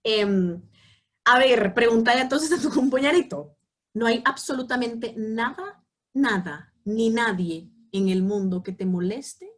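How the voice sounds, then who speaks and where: Woman lecturer, higher voice, animated online-class Q&A, reads out questions. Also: a little slow. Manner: lively, emphatic, reads student questions aloud. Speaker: psychology lecturer.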